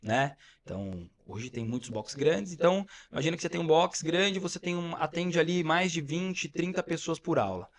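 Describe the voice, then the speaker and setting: A man's voice: a little high, expressive, normal speed, hardly any pauses. A man co-hosting a podcast, explaining coaching points step by step in a casual instructive tone, often tagging "né?" onto his sentences, with a Brazilian Portuguese accent. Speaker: podcast co-host, fitness coach.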